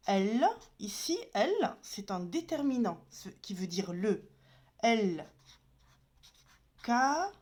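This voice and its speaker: A woman teaches a beginners' class at a deliberate, slow pace, pausing over each letter and vowel mark. Her voice sits at a middle pitch. She sounds patient, guiding learners step by step. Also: big pitch swings, a little mellow. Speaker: Arabic teacher.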